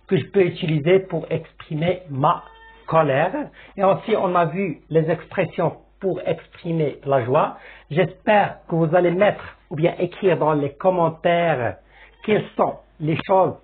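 Moroccan guy giving a french lesson, repeats stuff, keeps asking c'est bon, sounds like a phone line. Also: fairly high pitch. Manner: slow, repetitive classroom explaining with checks like "c'est bon?". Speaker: French teacher. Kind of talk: language lesson.

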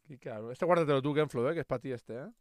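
A young man with an accent from Spain, chatting excitedly on a livestream, swearing freely and tossing playful insults at friends. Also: medium pitch, quick pace, no echo, studio quality. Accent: Spain Spanish. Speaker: streamer. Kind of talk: casual livestream chat reacting to fan art.

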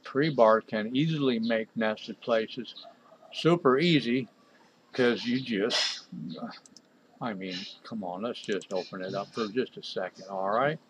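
A man narrating a screen-recorded software walkthrough, talking to himself in an exasperated way as he clicks around. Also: on the low side, a little slow, a little hiss or hum, low-quality recording. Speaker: software developer reviewing a program.

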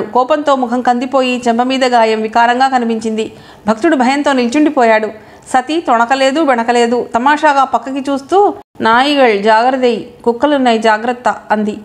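High-voiced woman reading a novel aloud. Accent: Telugu. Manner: expressive storytelling, slows and lifts for dialogue. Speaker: audiobook narrator. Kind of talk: reading a novel aloud, voicing each character.

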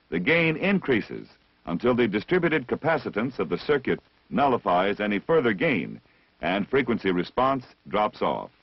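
A man with a medium-pitched, breathy-edged voice narrates a vintage military training film, reading scripted technical instruction in a measured, deliberate, didactic manner with careful enunciation. There's no echo, and the old film soundtrack sounds dull.

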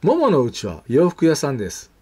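A man reading a children's picture book aloud in a gentle, expressive way. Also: on the high side, fairly quick, slight background noise. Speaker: storyteller.

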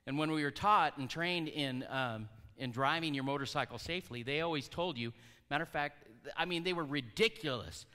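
Male pastor, conversational sermon delivery, bright tone, long church reverb. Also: fairly high pitch, moderate pace. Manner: conversational, asks the congregation questions. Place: church hall.

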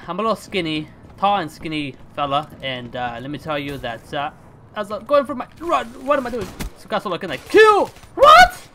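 A young man hosting his gaming channel, chatting casually and reacting out loud as he plays. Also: high voice, a little hiss or hum. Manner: excitable, chatty, swings between hushed focus and loud outbursts. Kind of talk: casual gameplay commentary.

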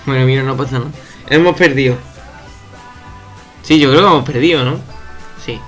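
Excitable young gamer, bright voice. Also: male voice, mid-range voice, moderate pace, soft background music. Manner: excitable, swears and shouts at opponents. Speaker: gaming youtuber. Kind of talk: casual gameplay commentary. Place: at home.

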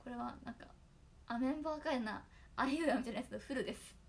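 A young idol trainee talks at a quick pace in a fairly high voice during a casual solo stream for her fans. She giggles often and runs through tongue twisters.

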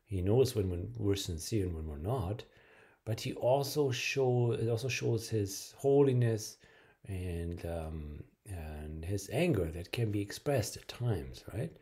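A man's voice: on the low side, warm tone. A middle-aged man giving a sermon to camera in a small room, hesitant with many fillers and restarts. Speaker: preacher. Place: small bright room indoors.

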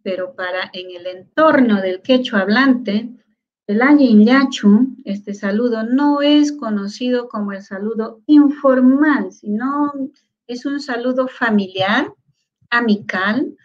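A woman teaching a lecture on Quechua, sounding out syllables slowly and often stopping to ask whether her listeners follow. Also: a little high, highs cut off. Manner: asks many rhetorical check questions. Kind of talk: online lecture.

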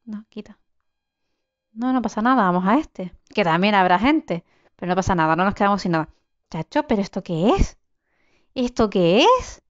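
A young woman with a medium-pitched voice comments casually on her survival game at a moderate pace, pausing often. The sound is lo-fi. As host of a gaming channel, she chats, swears, and exclaims while she plays in this let's-play commentary.

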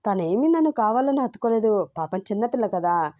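A woman's voice: mid-range voice, lively intonation, brisk, highs cut off, lightly acted. A woman voicing a sly young husband who teases and mocks in a falsely tender way in a storybook reading. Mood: mocking. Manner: mock-tender teasing.

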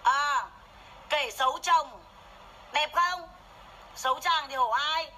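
A woman with a high-pitched voice speaks slowly in a bright, forceful tone, ranting furiously and swearing nonstop while doing a makeup livestream on her phone. She is foul-mouthed and scolding throughout. The phone camera picks up her angry rant in a low-quality recording with slight background noise.

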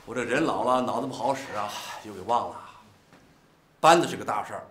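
An actor playing an older village head who runs a meeting and scolds the villagers in a commanding, folksy way. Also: male voice, on the low side, a little fast, fairly bright tone, echoey room, slight background noise, natural voice. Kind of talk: TV drama acting.

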